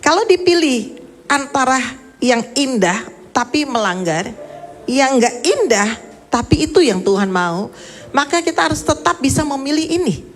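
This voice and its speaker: A middle-aged woman preaches with a somewhat high voice. She leans hard into key lines and sinks low and soft when she tells a story. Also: very animated, moderate pace. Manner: emphatic preaching, dropping low and soft for a story, then rising. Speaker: pastor. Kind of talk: sermon.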